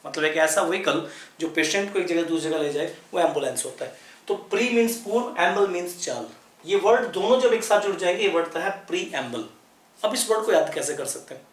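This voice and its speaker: A man explains English vocabulary in Hindi in a repetitive, classroom manner. His voice sits high for a man. The room adds a noticeable echo. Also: animated, a little fast. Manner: repetitive, explanatory, spells words letter by letter. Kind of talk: explaining lesson in Hindi at a chart.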